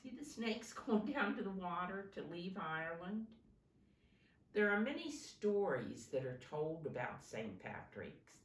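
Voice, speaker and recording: Her voice low and her pace a little slow, a teacher storytells from a picture book for young children, pointing at pictures and coaxing responses in a simple, instructive style. Lively swings mark her intonation. Faint noise sits behind a roomy, slightly distant recording.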